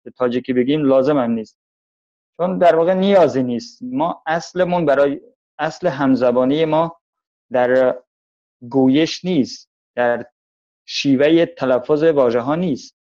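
A man from Tajikistan with a Tajik Persian accent, giving a thoughtful interview and slowing down to stress his points. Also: mid-range voice, darkish tone, lo-fi sound.

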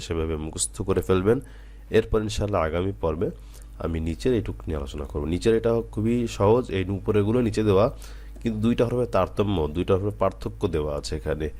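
A man teaching Quran letter reading, slowly reciting drills and then explaining with patient, earnest repetition. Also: sits low, darkish tone.

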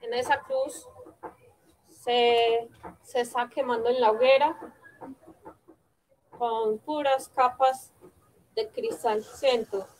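A woman telling a fairy tale on stage, halting and correcting herself as she goes. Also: fairly high pitch, fairly even intonation, a little mellow, a little hiss or hum, poor audio. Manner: halting, with frequent self-corrections. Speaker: storyteller.

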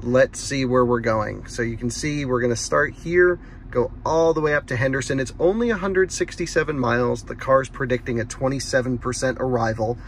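A man's voice: mid-range voice, a little fast, a little hiss or hum. A man in his thirties hosting a casual car review, talking upbeat and explaining from inside a car. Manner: upbeat, explanatory, laughs often. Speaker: host.

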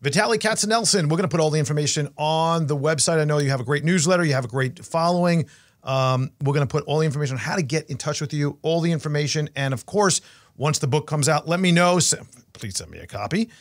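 A man hosting a podcast, chatting with his guest in a friendly, brisk way. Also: a little high. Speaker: podcast host. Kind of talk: casual interview.

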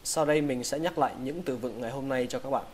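A man teaching English words in a slow lesson, sounding out each part of a word and saying every word twice. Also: medium pitch, slight background noise. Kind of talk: slow vocabulary lesson for Vietnamese learners.

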